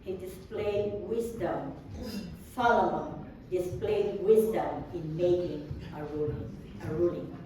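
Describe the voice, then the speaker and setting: A woman preaching a sermon, talking slowly with many fillers and restarts, heard from a distance in an echoey room. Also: on the low side, dark tone. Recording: distant echoey room with faint background noise.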